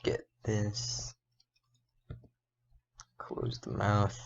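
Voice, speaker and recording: Slow, gravelly-voiced man thinking aloud. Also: on the low side, completely flat delivery. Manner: thinks aloud, hesitant, corrects himself often. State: slightly hoarse. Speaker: indie game developer and animator. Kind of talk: casual think-aloud animation tutorial. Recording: dull lo-fi recording.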